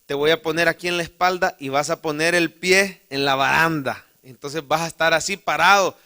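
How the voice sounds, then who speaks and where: A Salvadoran pastor preaches in a church sanctuary, spinning a folksy, funny story from his own life and addressing his listeners as brother. His voice is fairly high and bright, forceful and clean, at a moderate pace.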